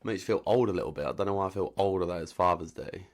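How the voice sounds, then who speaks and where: A man's voice: low-pitched, racing. A young man with a southern English accent chatting casually as a podcast co-host, slangy, sweary and jokey. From Wiltshire, England. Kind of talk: casual banter.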